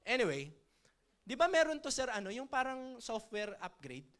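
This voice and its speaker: A man leading a seminar for an audience, telling a comic story in a playful, animated way and drawing the crowd in. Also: extremely high pitch, moderate pace. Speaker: motivational trainer. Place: training event before an audience.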